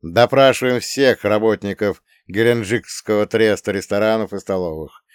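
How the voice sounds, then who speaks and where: A calm, reassuring general, as a male reader voices him reports in an even, steady way. His tone is resonant and dry, with a full and clear ring. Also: on the low side, normal speed, no room sound, close to an everyday voice.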